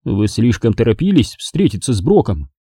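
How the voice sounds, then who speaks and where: A man's voice: mid-range voice, big pitch swings, normal speed, dark tone, slightly rough, no echo, studio quality. A man voicing a dogged male investigator who presses blunt accusations. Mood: accusing.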